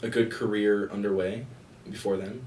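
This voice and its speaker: A young man with a very deep voice, speaking earnestly and thoughtfully in a casual podcast chat. He sits back from the mic, so the echo of the room comes through, along with a faint hiss. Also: little pitch movement, normal speed, a little mellow. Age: young adult. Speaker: podcast co-host. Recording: echoey room, mic at a distance, faint noise.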